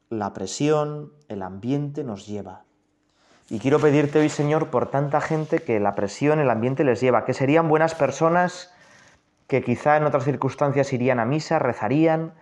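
A man's voice: medium pitch, a little mellow. Reflective Spanish man leading prayer. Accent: Spain Spanish. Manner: reflective, addresses listener directly. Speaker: prayer leader. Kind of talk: guided prayer meditation.

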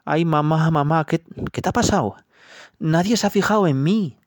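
A man voicing a vain, boastful young male donkey in a sermon story, with an excited, high, childlike voice. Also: moderate pace, dry recording, studio quality, close to an everyday voice. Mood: tearful.

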